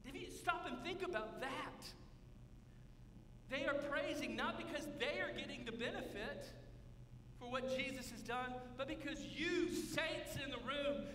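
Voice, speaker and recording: A man in his thirties, a pastor preaching a sermon with emphatic, drawn-out phrasing in a large church sanctuary. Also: very high-pitched, bright, forceful tone, slight background noise. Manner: emphatic preaching, drawn-out words, gestures while walking the stage. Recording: echoey hall from far off.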